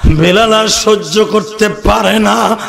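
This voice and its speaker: A man preaching an emotional sermon, shouting and chanting in a sing-song way. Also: sits high, slow pace, vocal fry, a crowd in the background. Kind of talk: emotional Bengali waz sermon.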